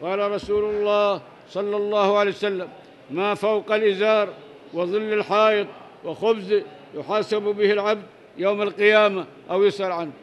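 A man's voice: high-pitched, level tone, brisk, dull audio. A man teaching a religious lesson, reading narrator chains and texts aloud, then explaining them in plain words and adding short prayers. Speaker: Islamic teacher reading hadith.

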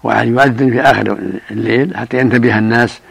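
Older guy scholar, gravelly, dry sound, slow careful rulings. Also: mid-range voice, fairly even intonation, no echo. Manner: measured, explanatory, chants call-to-prayer examples. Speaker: religious scholar answering questions. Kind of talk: fatwa question-and-answer.

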